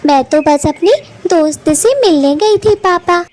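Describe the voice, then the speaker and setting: Lady doing a teary young girl bird begging her dad, very high voice. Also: measured pace, darkish tone. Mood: frightened. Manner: tearful, pleading. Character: young daughter bird, frightened and lovesick. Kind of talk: Hindi cartoon voice acting.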